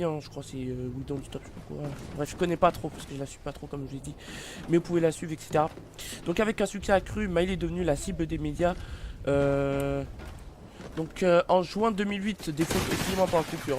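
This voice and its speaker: A man's voice: on the high side, brisk, a little mellow. A man casually presenting a celebrity biography, hesitant and full of fillers and restarts, apologizing now and then. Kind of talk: casual read-aloud commentary. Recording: faint background noise.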